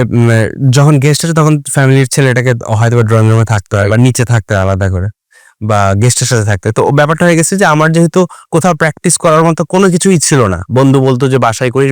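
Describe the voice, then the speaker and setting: A man hosting a casual chat, telling an animated story and mixing English words into Bengali. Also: medium pitch, clear, resonant tone, no echo, clean studio sound. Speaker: podcast host.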